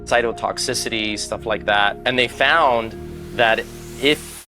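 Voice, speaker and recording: A Miami man in his fifties, a doctor whose first language was Spanish, tells his story as a podcast interview guest. His medium-pitched voice moves at a measured pace, with music playing in the background.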